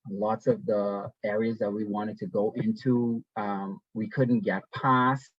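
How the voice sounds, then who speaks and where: A young man from the Bahamas giving a webinar presentation over a video call, talking in a relaxed, conversational way with frequent ums and restarts. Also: fairly low pitch, slow pace, breathy edge, no room sound. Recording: dull, dry webinar audio.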